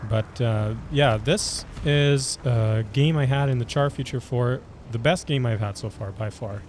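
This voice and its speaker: A man with a scratchy voice from a cold, hosting casual commentary over his own tank gameplay and calmly explaining his tactics. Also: mid-range voice, measured pace. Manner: relaxed, explaining tactics as he plays. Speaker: gaming channel host.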